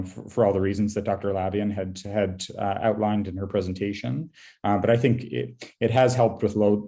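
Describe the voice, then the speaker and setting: Man doctor on a panel, gravelly and mellow, halting delivery. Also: lowish voice. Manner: halting, many fillers and restarts. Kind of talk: panel discussion answer.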